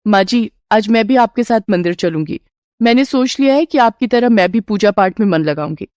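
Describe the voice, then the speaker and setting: A woman voicing a curious, eager young daughter-in-law in an animated storybook, talking in a bright, wondering way. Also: medium pitch, normal speed, no echo, natural voice. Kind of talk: storybook character voice.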